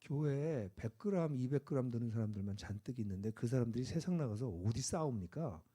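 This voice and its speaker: A middle-aged man preaching a sermon as pastor, telling stories with lively energy and building to emphatic exhortation. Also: mid-range voice, brisk, husky. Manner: animated storytelling, rising to emphatic exhortation. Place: church sanctuary.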